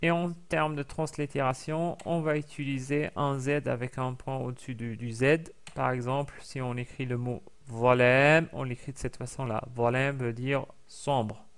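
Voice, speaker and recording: A man teaching a lesson in French, explaining slowly with many fillers and restarts and carefully sounding out each letter. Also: mid-range voice, little pitch movement, smooth. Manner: carefully over-articulates sounds being taught. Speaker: Arabic teacher. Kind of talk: recorded language lesson.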